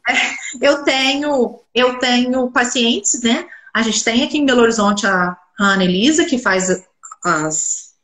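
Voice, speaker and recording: Slightly high and a bit bright, this woman speech therapist keeps a measured pace while congested from a cold. During the interview she explains things by asking herself rhetorical questions and replying. The recording has an echoey, roomy quality.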